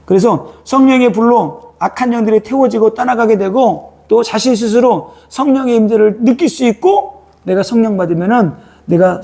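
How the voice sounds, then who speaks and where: Male pastor, sermon, high raspy voice, chatty style that keeps asking the congregation "eh?". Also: dark tone. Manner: colloquial, prods listeners with repeated "eh?". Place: church.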